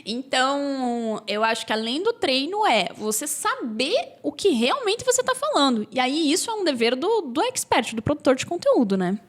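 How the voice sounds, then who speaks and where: A Brazilian woman in her thirties, a podcast guest who tells her stories in an animated way and laughs often. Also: high-pitched, normal speed. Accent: Brazilian Portuguese. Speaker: podcast guest, labor lawyer. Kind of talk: casual podcast chat.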